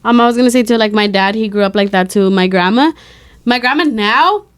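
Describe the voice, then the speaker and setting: A woman co-hosting a casual podcast, speaking with a smooth, clear voice. She is laid-back and blunt, and she often chimes in briefly. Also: on the high side, fairly quick. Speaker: podcast co-host. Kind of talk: casual chat.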